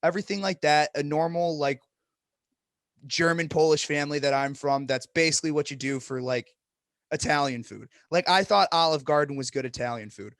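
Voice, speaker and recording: A man's voice: a little high, normal speed, a bit bright, no room sound, studio quality. A young man co-hosting a podcast in casual chat, blunt and profane, joking about food and sports. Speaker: podcast co-host.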